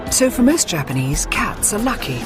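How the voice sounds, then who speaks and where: A woman's voice: medium pitch, big pitch swings, normal speed. A woman presenter giving a dramatic, scripted nature documentary narration. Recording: music behind the voice.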